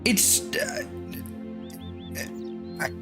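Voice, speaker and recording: A man's voice: extremely slow, music in the background. A man chatting casually while playing an online game with friends, rambling and restarting his sentences. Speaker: co-player on a gaming stream. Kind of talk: casual gaming chat.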